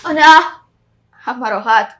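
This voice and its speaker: A cheeky, work-shy young daughter-in-law in a family drama, acted by a woman. She talks back in a bright, high voice, drawling and teasing. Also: unhurried. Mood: mocking. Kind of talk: Gujarati family stage drama.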